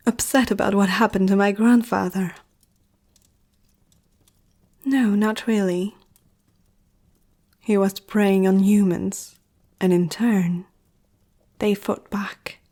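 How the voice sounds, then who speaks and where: In an ASMR roleplay, a woman voices an ancient, powerful vampire aristocrat, poised and intimate, seducing the listener in a breathy half-whisper. Her mid-range voice has a warm tone, and her mood is teasing.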